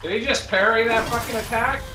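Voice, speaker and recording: High, excitable man in an echoey room. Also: a little fast, over music. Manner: excitable, swears. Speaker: co-host. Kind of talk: casual chat over gameplay.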